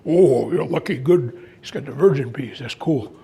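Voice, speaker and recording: A man's voice: medium pitch, normal speed, creaky, mellow, pitched below the performer's own voice, natural voice. A man doing chatty truckers on the radio. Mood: friendly.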